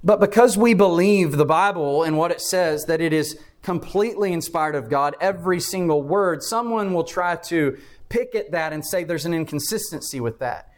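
A man's voice: on the high side, normal speed. A man preaching a Bible class sermon, explaining step by step and repeating key phrases for emphasis.

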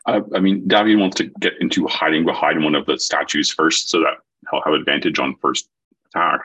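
A man's voice: a bass voice, fairly even intonation, a little fast, pushed and bright, breathy edge, no room sound, rough recording. A man chatting casually as a player in a tabletop game.

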